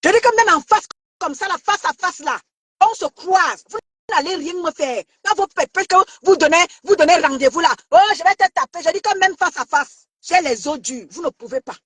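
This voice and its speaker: Speaking at a normal pace, this expressive social media commentator from Cameroon unleashes a taunting online tirade in a very high voice. She often shouts and stammers while repeating herself, and the audio is close and dry with no room sound.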